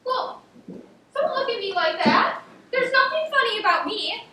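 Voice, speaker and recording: A woman plays a flighty, excitable young woman with a very high, swooping voice. She is heard from a distance on a stage, wrapped in strong theater reverb and room noise. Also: measured pace, heavily acted. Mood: indignant. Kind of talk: amateur stage play.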